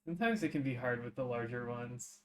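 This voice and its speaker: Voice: mid-range voice, brisk. A streamer chatting and joking casually while starting a game stream. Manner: joking, teasing. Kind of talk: casual chat while gaming.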